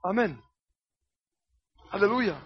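A man's voice: sits high, expressive, a little slow, breathy edge, muffled recording. A man preaching a sermon with emphasis, repeating phrases and calling out hallelujah and amen.

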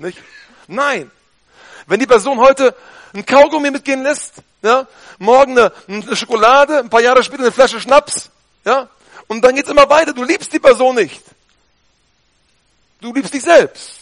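A man with a strikingly high voice delivers an animated sermon. He speaks straight to his congregation, asking questions and calling out amen and halleluja. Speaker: pastor.

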